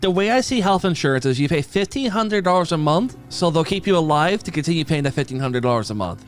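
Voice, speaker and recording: Late-twenties man, higher lively voice, deadpan cynic, faint music. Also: fast. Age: 20s. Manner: dry, cynical remarks. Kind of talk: casual chat on a gaming stream.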